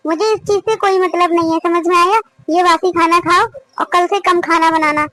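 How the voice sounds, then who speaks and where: A woman's voice: very high voice, fairly even intonation, normal speed, sharp tone, no room sound. A woman voicing a bossy, stingy older mother-in-law in a cartoon family drama, scolding and commanding.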